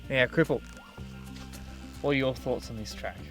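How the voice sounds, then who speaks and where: A young Australian man with a medium-pitched voice presents casually to camera outdoors. Music plays clearly behind him. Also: normal speed. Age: young adult. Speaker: presenter interviewing a friend. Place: outdoors on a forest track.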